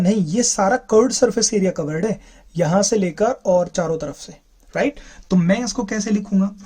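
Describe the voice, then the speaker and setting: A man's voice: sits high, warm tone, breathy edge. A man teaching a physics class, asking his students questions and then answering them himself. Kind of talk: classroom lecture.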